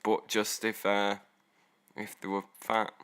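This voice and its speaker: A man's voice: fairly low pitch, completely flat delivery, takes it slowly, a bit bright. A man co-hosting a podcast in casual chat, joking, laughing often and swearing. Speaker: podcast co-host.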